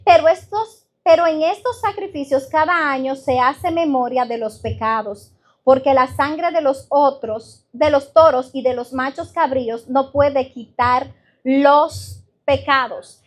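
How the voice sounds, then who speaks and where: A woman pastor preaching a sermon in an earnest, direct way, with lively storytelling. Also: sits high, measured pace.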